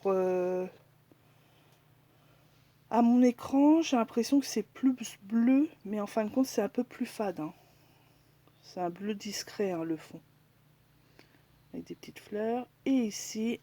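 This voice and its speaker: Soft-spoken woman showing craft papers. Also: mid-range voice. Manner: chatty, hesitant, with many fillers. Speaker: crafting vlogger. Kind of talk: casual haul video.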